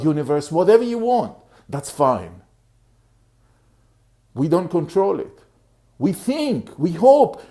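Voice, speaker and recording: This middle-aged Israeli man is a motivational speaker recounting his own life story to the camera. He speaks earnestly but haltingly, frequently repeating himself and restarting phrases, in a fairly high, mellow voice.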